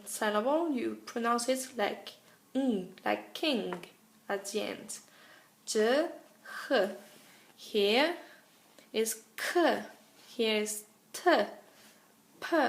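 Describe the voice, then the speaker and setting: Slow, patient woman in an echoey room. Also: a little high, gravelly. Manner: patient, repeats "okay?" often. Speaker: language teacher. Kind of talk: casual tutorial.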